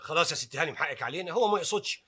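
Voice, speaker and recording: A brisk, blunt shop worker. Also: male voice, fairly high pitch, lively intonation, bright, forceful tone, slightly rough, full character voice. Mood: placating, defensive. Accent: Egyptian Arabic. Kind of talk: TV drama acting.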